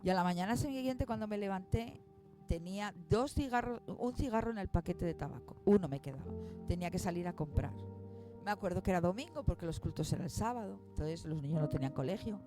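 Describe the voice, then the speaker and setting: A woman's voice: medium pitch, lively intonation, fast talker, music in the background. Emotional woman telling her testimony. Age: 40s. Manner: emotional storytelling, acts out quoted dialogue. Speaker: guest. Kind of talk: personal testimony.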